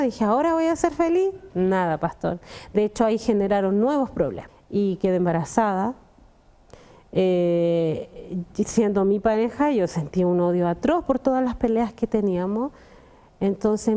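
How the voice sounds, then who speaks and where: A woman's voice: mid-range voice, mellow. A young adult woman, giving an earnest personal testimony and often addressing the pastor. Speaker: testimony guest.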